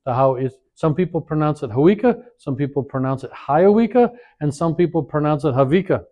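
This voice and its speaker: A man's voice: fairly high pitch, fairly even intonation, fast, dull audio. A man giving a hands-on workshop demonstration, rambling and thinking aloud as he works, his voice drifting away from the mic. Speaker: equipment trainer.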